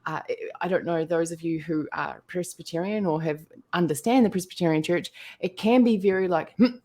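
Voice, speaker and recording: Middle-aged new zealand woman, guest storyteller, lowish voice, bouncy and animated, does little voices for quotes. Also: moderate pace. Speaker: guest entrepreneur. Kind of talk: casual interview storytelling.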